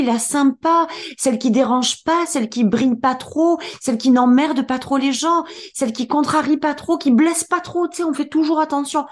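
Woman with a fairly high voice, reflective podcast co-host who builds long motivational points. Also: a little mellow. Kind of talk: casual motivational podcast chat.

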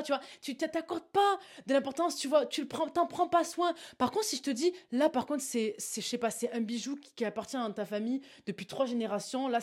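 Young adult woman, slightly high pitch, casual motivational monologue to camera, animated and direct. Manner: emphatic, animated, addresses the listener with frequent "tu vois". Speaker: motivational vlogger.

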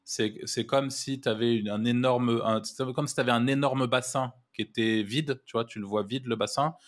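A man's voice: mid-range voice, fairly even intonation, normal speed. A man co-hosting a podcast, chatting casually and rambling with many restarts and fillers. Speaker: podcast co-host.

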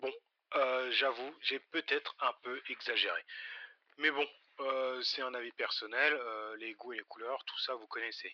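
A man's voice: medium pitch, fairly even intonation, normal speed, bright, forceful tone. A man hosting a podcast, speaking a wry self-mocking aside to listeners. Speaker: podcast host. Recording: dull lo-fi recording.

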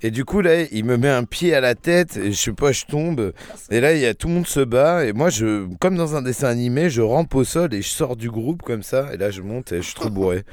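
A man's voice: mid-range voice, animated, fairly quick, a little mellow, no room sound, studio quality. A young man casually telling a long personal story in slangy speech, with fillers and restarts. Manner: slangy, rambling anecdote with filler words.

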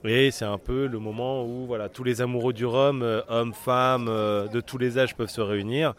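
Man, podcast co-host, quick casual explanation, fillers, mid-low voice. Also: fairly even intonation.

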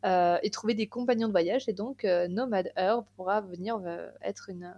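A woman's voice: medium pitch, moderate pace, dark tone, highs cut off. Woman, young adult, casual podcast chat, enthusiastic, lots of restarts. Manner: enthusiastic, many fillers and restarts. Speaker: podcast guest.

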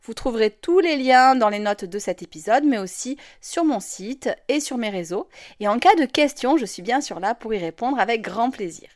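A woman hosts her podcast in a chatty, upbeat manner, her voice sitting a little high. She speaks quickly and warmly to her listeners. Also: lively intonation. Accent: French. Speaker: podcast host. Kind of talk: podcast intro and voice-over translation.

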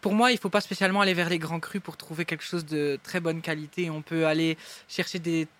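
A man's voice: on the high side, fairly even intonation, brisk, a bit bright. A man, chatting as a guest singer in an interview in a restaurant, enthusiastic and rambling with many restarts. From Belgium. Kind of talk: casual interview chat.

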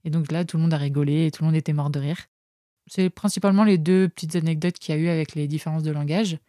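A young French nurse telling anecdotes in a casual, hesitant way, pausing often with filler sounds. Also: female voice, low-pitched, fairly even intonation, mellow, no room sound, studio quality. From France. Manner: hesitant, many filler pauses. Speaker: nurse, interview guest.

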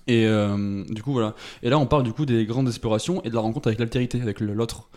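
A man's voice: medium pitch, fairly even intonation, fast, darkish tone. A young man co-hosting a casual podcast, explaining a topic with many hesitations and restarts. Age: young adult. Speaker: podcast co-host presenting a segment. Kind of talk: casual chat.

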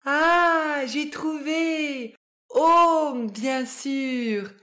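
A woman's voice: sits high, lively intonation, takes it slowly, pitched above the performer's own voice. Woman doing a cheerful little boy. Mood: playful. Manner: bright, eager, playful. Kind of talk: storybook reading for children.

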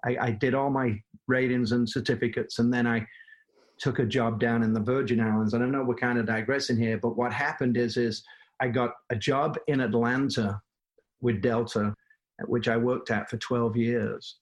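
An older man from England with a Manchester accent speaks at a moderate pace in a mid-range, fairly even voice. A former plumbing business owner, he is a guest in a casual interview, telling his story at length with many fillers and restarts.

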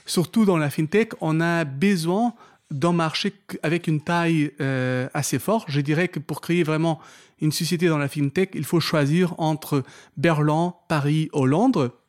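A Portuguese man, a startup founder whose first language is Portuguese and who speaks with a Portuguese accent, appears as a guest on a podcast in a casual interview. His voice is on the high side and a little slow. He sounds hesitant, with many fillers and restarts, and he laughs easily.

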